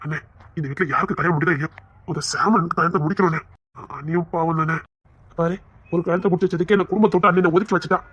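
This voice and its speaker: A man's voice: a little high, fairly even intonation, rapid-fire, a bit bright, slightly rough, dull audio. A man voicing an earnest younger brother who pleads eagerly with his elder. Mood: pleading.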